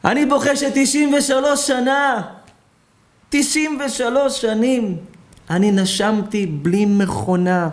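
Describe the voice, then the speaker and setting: A man's voice: mid-range voice, a little mellow, close to an everyday voice. A rabbi acting out a weeping old man of ninety-three. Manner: tearful, pleading.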